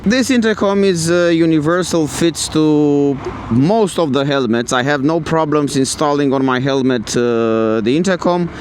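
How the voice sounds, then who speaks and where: Male reviewer, non-native English, slightly high voice, halting and repetitive casual delivery, vehicle noise in background. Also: darkish tone. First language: not English. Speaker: product reviewer. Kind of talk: casual spoken product review. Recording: clear outdoor traffic and vehicle noise.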